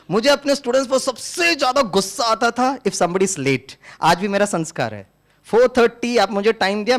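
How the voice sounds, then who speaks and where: A middle-aged man from Tamil Nadu, an engineering teacher giving a lively motivational talk to a live audience, switching between Hindi and English and acting out dialogues. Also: high voice. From Tamil Nadu, India. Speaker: engineering teacher and spiritual speaker.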